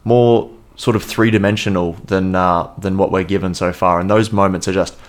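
Low-voiced man reviewing a film casually. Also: steady tone, moderate pace. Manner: enthusiastic, restarts often. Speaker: podcast co-host.

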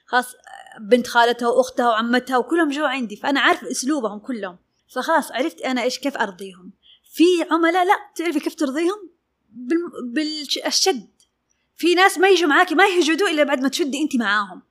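Woman, fashion designer, talks super fast, keeps acting out what her clients say. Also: sits high. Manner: animated, acts out clients' words. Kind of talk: casual interview talk.

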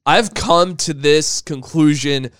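Young man, podcast co-host, joking casual chat, smooth voice, dry close sound. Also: a little high, takes it slowly, a bit bright, no room sound. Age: 20s. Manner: joking, teasing.

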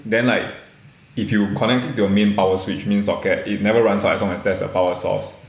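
A man's voice: on the low side, steady tone, fast talker. A young adult Singaporean man co-hosting a podcast, chatting casually in colloquial Singlish. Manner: Singlish, colloquial particles and clipped grammar. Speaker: podcast co-host. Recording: roomy, echoey sound.

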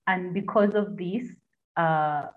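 A woman from South Sudan, a feminist activist, speaking as a guest in a podcast interview in an emphatic, expressive way. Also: lowish voice, slow pace. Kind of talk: conversational interview. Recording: tinny phone-like line.

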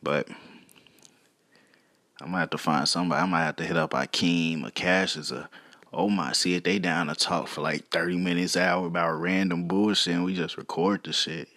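Deep-voiced, slangy man rambling into a podcast. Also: fairly even intonation, normal speed, fairly bright tone, dry recording. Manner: foul-mouthed, slangy, rambling. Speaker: podcast host. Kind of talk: casual solo podcast monologue.

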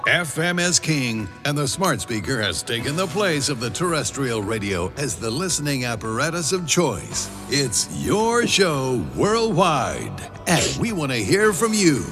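Announcer guy, big showy intro voice, swoops up and down, music bed behind. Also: pushed and bright. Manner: booming, showy announcer delivery. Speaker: show announcer. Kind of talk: scripted radio-style show intro.

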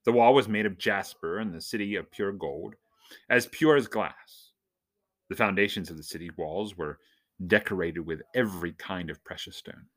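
Low-pitched and moderately paced, a grown man rambles humorously through a casual podcast monologue. He is both the host and a church minister, a husband and dad who jokes around and proudly calls himself a nerd.

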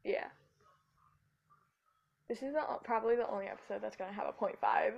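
A woman's voice: medium pitch, fairly quick, vocal fry, lo-fi sound. A woman co-hosting a casual podcast, chatty and giggly, talking over a headset mic. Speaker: podcast co-host. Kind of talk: casual chat. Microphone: headphones with mic.

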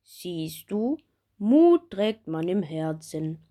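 A woman voicing a kind, calm old spider who is a doctor, in a storybook. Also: medium pitch, takes it slowly. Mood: kindly.

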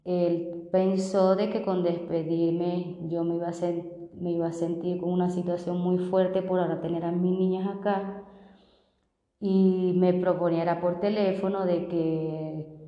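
A woman in her thirties from Venezuela, telling her story hesitantly, with halting phrases and many fillers. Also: fairly low pitch, level tone, roomy sound, big-room sound, highs cut off. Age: 30s. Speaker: street vendor giving testimony. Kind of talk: personal testimony.

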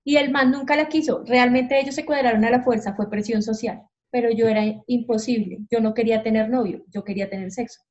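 Woman, candid podcast guest, slightly high voice, muffled lo-fi sound. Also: brisk, few pauses. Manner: frank, animated, acts out quoted voices. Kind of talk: candid storytelling. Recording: dull lo-fi sound.

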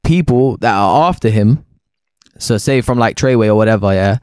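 A man's voice: on the low side, normal speed, a little mellow, clear, resonant tone, dry recording, clean studio sound. A young man with a London roadman accent and slang, debating casually.

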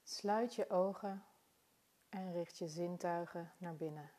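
Female meditation guide: soft, calm, mellow delivery, slightly low register, unhurried with long pauses. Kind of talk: guided body-scan meditation.

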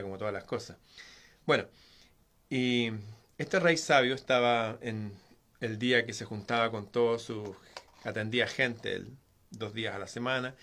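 A man's voice: on the low side, bright, forceful tone. A man telling a folk tale in a casual, conversational way, with frequent asides and digressions. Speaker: storyteller. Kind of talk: casual oral storytelling.

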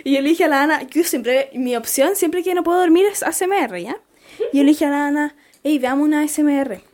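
A woman's voice: sits high, a little fast, darkish tone. A teenage girl with a Chilean accent, co-hosting a casual podcast and telling stories with frequent laughter. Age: teens. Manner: chatty, laughs often, storytelling. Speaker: podcast co-host. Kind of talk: casual chat.

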